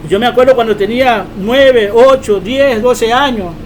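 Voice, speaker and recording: A woman preacher giving a Bible teaching sermon, emphatic and quick to ask rhetorical questions. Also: on the high side, a little mellow, a little hiss or hum.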